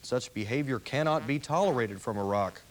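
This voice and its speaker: A man's voice: mid-range voice, animated, moderate pace. Guy anchoring tv news, mid-range voice, scripted read, bit of tape hiss. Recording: hissy early 1990s TV broadcast.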